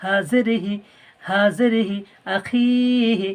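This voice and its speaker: A man teaching Quran reading, spelling out syllables slowly and repeating each word, then explaining the rules more quickly. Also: very high-pitched, fairly even intonation. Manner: explains rules quickly and softly between drills. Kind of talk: slow drilled recitation lesson, spelling out syllables.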